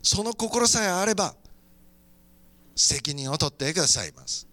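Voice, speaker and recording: High, bright-voiced fervent male pastor. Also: animated, normal speed, no room sound. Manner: fervent, moves between preaching and praying aloud. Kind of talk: sermon with prayer.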